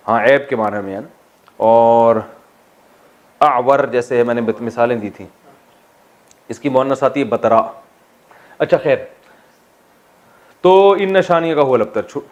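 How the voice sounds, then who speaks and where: Pakistani man lecturing a Quran class. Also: mid-range voice. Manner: explains by asking the class questions and answering them himself; lively, jokes with the students. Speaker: Islamic scholar teaching Quran exegesis.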